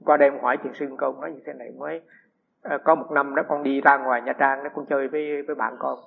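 A man's voice: medium pitch, steady tone, fast, creaky, a little hiss or hum. A man, a Buddhist monk, giving a dharma talk, telling stories and putting rhetorical questions to his listeners. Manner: anecdotal, asks the audience rhetorical questions. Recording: dull lo-fi recording with long hall reverb.

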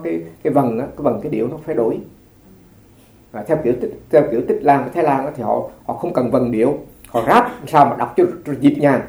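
A man's voice: a little high, a little mellow. A man giving an informal dharma talk as a Buddhist monk, telling stories in a chatty way with many restarts. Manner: chatty storytelling with frequent restarts and light laughter. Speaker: Buddhist monk teaching a congregation. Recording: echoey room.

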